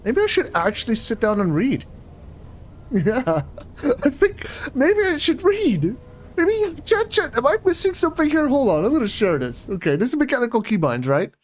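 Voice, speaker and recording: High-voiced chatty gamer guy. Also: very animated, moderate pace, slight background noise. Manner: chatty, rambling, easily puzzled. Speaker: game streamer. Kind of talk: casual live-stream chat while playing.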